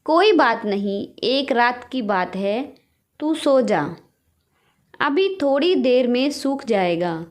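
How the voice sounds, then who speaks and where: Calm, patient old mother, read by a woman. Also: a little high, slow. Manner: calm, soft-spoken.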